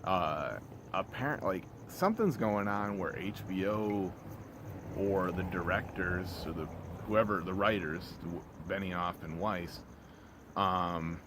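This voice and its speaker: A man with a low voice rants casually over clearly audible ambient noise. He rambles, circles back on the same phrases and often trails off before finishing. His delivery is blunt, exasperated and peppered with profanity. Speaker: vlogger reviewing a TV episode. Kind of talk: casual off-the-cuff rant.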